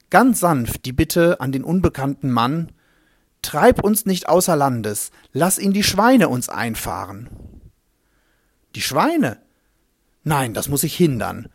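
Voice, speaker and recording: A man's voice: medium pitch, breathy edge, no room sound, studio quality, full character voice. A man playing a humble swineherd who tells his story in a reflective, vivid way. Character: humble male swineherd recalling a strange day. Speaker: first-person narrator. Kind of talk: dramatic storytelling monologue.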